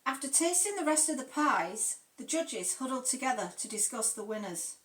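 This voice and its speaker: A woman author reads her cozy mystery aloud in a steady, even narration. Her voice sounds distant and echoes around the room. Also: fairly high pitch. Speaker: author reading her own book. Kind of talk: audiobook narration. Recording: echoey room, mic far off.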